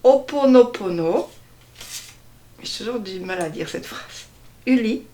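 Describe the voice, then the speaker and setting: A woman slowly presenting a deck of cards one by one, hesitating often and stressing each card name. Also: mid-range voice. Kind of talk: casual card unboxing walkthrough.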